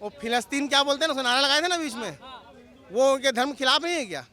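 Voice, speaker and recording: A man's voice: extremely high pitch, lively intonation, quick pace, sharp tone, some chatter behind. A man outdoors in a street interview, arguing his point and appealing to listeners. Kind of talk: heated street vox pop.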